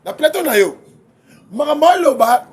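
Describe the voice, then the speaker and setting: A man, debating music as a guest commentator, excitable and quick to laugh, often repeating his words. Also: extremely high pitch, breathy edge. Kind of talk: heated casual debate.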